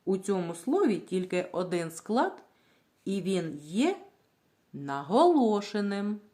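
A woman teacher leads a literacy lesson for small children, her voice rising and falling in a lively way. She speaks at an unhurried, slow pace, drawing out each word syllable by syllable. She asks the class a question, then gives the answer herself. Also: mid-range voice. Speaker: primary school teacher.

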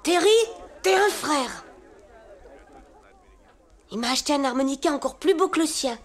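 A woman's voice: high voice, normal speed, a faint crowd. A woman voicing a plucky, cheeky young boy stowaway in a storybook record. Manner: cheeky, lively.

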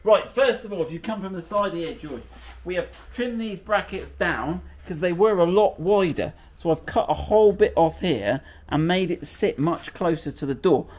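Explaining a repair step by step in his workshop garage, a middle-aged Englishman with a British accent keeps up a chatty, self-mocking running commentary, thinking aloud as he goes. His voice sits high, expressive and a little mellow, at a moderate pace. There's slight background noise.

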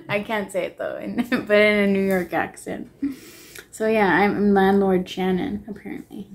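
A woman's voice: medium pitch, unhurried, a little mellow. A young woman vlogging casually from her home kitchen into a handheld phone, giggling often between phrases. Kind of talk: casual vlog chat.

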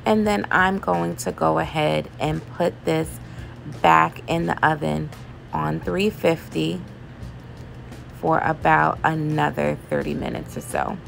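A woman chatting casually as she cooks in her home kitchen, relaxed and loose, with laughs and fillers. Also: sits low, slow, vocal fry, soft background music. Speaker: home cooking vlogger. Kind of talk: casual cooking voice-over.

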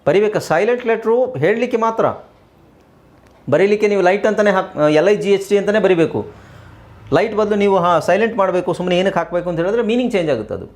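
A middle-aged male teacher with a Kannada accent walks through an English lesson, spelling words letter by letter and repeating them. His voice sits a little high and swings widely in pitch as he explains. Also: animated, a little mellow. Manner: explains patiently, repeats words, slow deliberate spelling aloud.

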